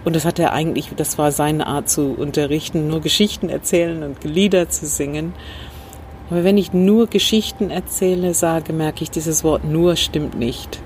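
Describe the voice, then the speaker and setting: On a city rooftop terrace outdoors, faint traffic and a passing train accompany an interview guest: a communication trainer from Northern Ireland with a low, slightly mellow voice. She reflects on her past in storytelling fashion, thoughtful and full of pauses and fillers.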